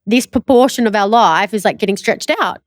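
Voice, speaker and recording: A woman's voice: mid-range voice, brisk, no room sound, studio quality. Giggly chatty woman in her twenties. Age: 20s. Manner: chatty and giggly, says "like" often. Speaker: podcast co-host. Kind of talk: casual chat.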